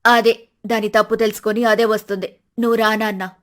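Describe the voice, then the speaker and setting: A stern middle-aged mother-in-law scolds firmly, voiced by a woman. Her voice sits fairly high. She sounds strict and proud in this animated family story. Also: a little fast, natural voice. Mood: complaining.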